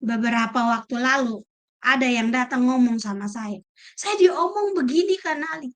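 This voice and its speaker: A woman preaching a sermon in an emphatic, lively way, acting out quoted speech. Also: high-pitched, moderate pace. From Indonesia.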